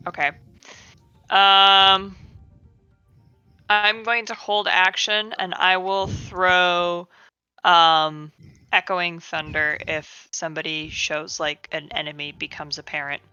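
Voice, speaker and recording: A woman playing a tabletop game, thinking aloud slowly with many ums as she decides her moves. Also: fairly low pitch, level tone, sharp tone, smooth, dry recording, muffled recording, soft background music. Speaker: player.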